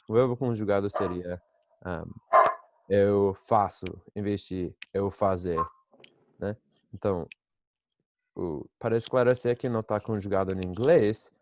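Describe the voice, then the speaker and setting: Guy teaching online, slow patient explaining, lowish voice, dry sound. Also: a little mellow, dry recording. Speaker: English teacher. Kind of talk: online language lesson. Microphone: video call.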